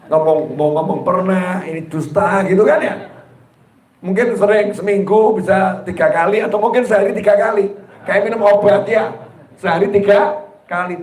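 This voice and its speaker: Pendakwah pria bersuara agak tinggi bergema. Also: male voice, high voice. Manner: joking, folksy, acts out little dialogues. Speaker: preacher. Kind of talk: religious sermon to a live congregation. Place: gathering hall with audience. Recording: echoey hall sound.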